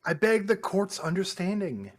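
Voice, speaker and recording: A man voicing a composed, polite courtroom prosecutor from a video game, measured and insinuating. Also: sits high, big pitch swings. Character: smooth-talking, composed male courtroom prosecutor. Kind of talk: reading video game dialogue aloud.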